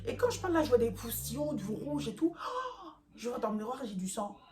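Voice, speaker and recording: A young woman from France telling a dramatic storytime in a casual vlog, in lively, slangy street talk. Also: fairly high pitch, quick pace, a crowd in the background. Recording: music playing underneath.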